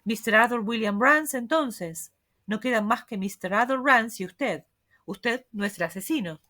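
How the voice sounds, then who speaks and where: A woman's voice: on the high side, unhurried, sharp tone. Woman reading a stern judge guy, grave, kinda threatening. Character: stern older male court president. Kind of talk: audiobook reading.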